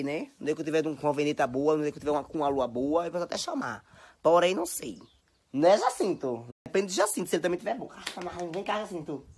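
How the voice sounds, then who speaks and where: Speaking in a deep voice with a breathy edge, a young social media personality with a Bahian Brazilian Portuguese accent records a casual phone monologue at home. She's dramatic and exaggerated, scolding and chattering throughout.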